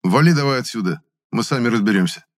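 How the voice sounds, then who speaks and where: A man voicing a brash young male squad leader who talks in sharp, mocking, commanding bursts. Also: mid-range voice, animated, fast, pitched above the performer's own voice, natural voice.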